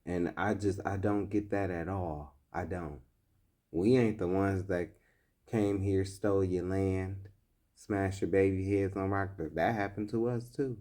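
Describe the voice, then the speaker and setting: A man's voice: deep voice, steady tone, a little slow, mellow. A man giving blunt, emphatic commentary in a vlog, reading old scripture passages and then explaining them in plain talk.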